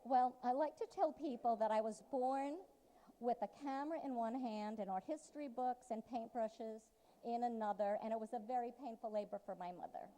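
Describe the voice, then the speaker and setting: Female interview guest, photographer, slightly high pitch, mellow tone, chatty and conversational. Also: a little fast, a little hiss or hum, poor audio.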